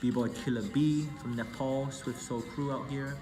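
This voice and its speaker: A man who was born in Hong Kong and grew up in the UK gives a casual thank-you speech. He rambles, corrects himself and uses many fillers. His voice sits at an ordinary pitch, and he is recorded in a roomy space with loud music behind him. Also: fairly even intonation, a little slow. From born in Hong Kong, raised in the UK. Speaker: event organizer.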